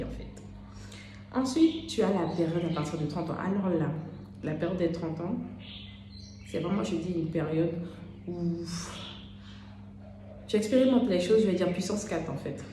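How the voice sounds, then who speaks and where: Low-voiced woman coach in echoey room. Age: 30s. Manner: unscripted, addresses listener as "tu", many "euh" pauses. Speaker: life coach. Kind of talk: motivational coaching talk. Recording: very echoey room with steady background noise.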